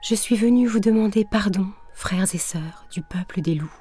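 A woman voicing a brave but timid little girl in a storybook, speaking softly and hesitantly. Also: medium pitch, animated, a little slow, dry recording, soft background music, voice pushed up. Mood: earnest. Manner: soft, hesitant, sometimes breathy.

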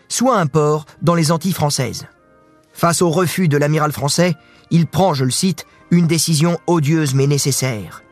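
Guy with a slightly high voice telling history, chatty little asides to you, quiet music behind. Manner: chatty, addresses the listener directly. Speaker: history narrator. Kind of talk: scripted history narration with casual asides.

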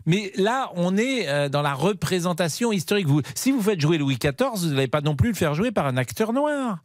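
Lively radio host. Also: male voice, high voice, moderate pace, no room sound, clean studio sound. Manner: lively, teasing, hesitant with many fillers. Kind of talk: casual call-in chat.

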